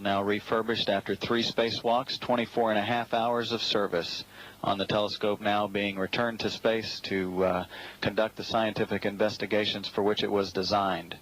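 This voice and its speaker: Low, monotone male mission commentator. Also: low-quality recording. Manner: measured, formal, hesitant with frequent filled pauses. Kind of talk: live spaceflight mission commentary.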